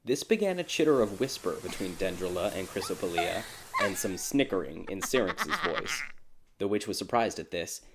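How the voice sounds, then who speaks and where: A man narrating a dark fairy tale in a measured, even storytelling manner. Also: low voice, vocal fry, very noisy.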